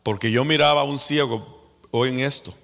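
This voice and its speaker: A man from Guatemala with a Guatemalan Spanish accent, preaching a sermon. He drops to hushed whispers, then rises to fervent shouts. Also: medium pitch, moderate pace, big-room sound.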